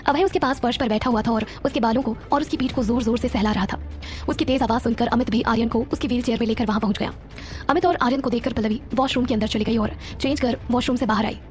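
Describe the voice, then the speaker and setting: A woman narrating a romantic audio series in a steady storytelling manner. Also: a little high, fast talker, faint music behind.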